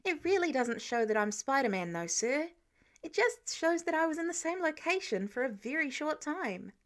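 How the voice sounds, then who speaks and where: A woman's voice: high-pitched, big pitch swings, normal speed, fairly bright tone, pitched above the performer's own voice. A woman voicing a nervous, evasive teenage boy superhero who dodges questions with polite excuses. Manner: flustered, dodging with polite excuses.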